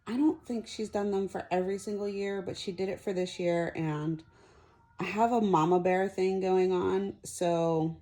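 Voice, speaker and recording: Chatty woman with a lowish voice. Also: warm tone. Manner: chatty, thinking aloud with fillers. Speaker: craft vlogger. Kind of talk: casual craft walkthrough.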